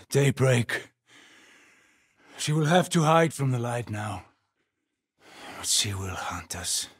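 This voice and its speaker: At medium pitch, a man voices the weary, grave seer who guides a haunted Norse land in dramatic video game dialogue. He speaks huskily and breathily, frequently dropping to a whisper, with a slow, solemn, foreboding delivery.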